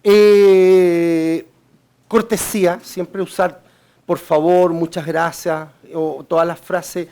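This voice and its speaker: A man's voice: fairly high pitch, steady tone, takes it slowly, darkish tone. Chilean guy teaching a sales workshop, gives direct advice, keeps asking "right?". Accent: Chilean Spanish. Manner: checks in with listeners by asking "right?"; coaching, direct advice to the audience. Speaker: sales trainer giving a talk. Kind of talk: seminar lecture.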